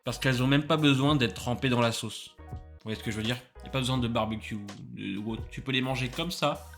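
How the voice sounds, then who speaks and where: A man's voice: mid-range voice, brisk, vocal fry, a bit bright, soft background music. A young man hosting a casual food review vlog, enthusiastic and full of hesitant fillers. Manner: enthusiastic, many filler "euh"s. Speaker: food vlogger.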